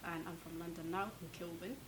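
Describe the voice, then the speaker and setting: A woman's voice: lowish voice, steady tone, a little fast, low-quality recording. A woman from Somalia speaking earnestly in a documentary interview.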